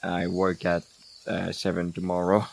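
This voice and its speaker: A man playing a tabletop game in casual talk, often halting and starting his sentences over. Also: low-pitched, monotone, creaky, soft background music. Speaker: player.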